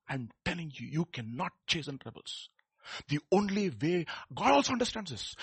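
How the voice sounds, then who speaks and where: A man's voice: a little high, slightly rough, dry recording. A middle-aged man with an Indian accent preaching a sermon in a conversational way, putting questions and repeating phrases for emphasis. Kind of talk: animated sermon.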